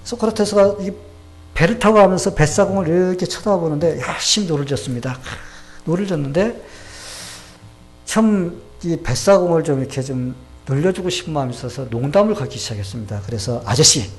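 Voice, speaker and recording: A man's voice: fairly high pitch, expressive, a little fast, a little hiss or hum. A male pastor preaching a sermon, telling a story and asking the congregation questions.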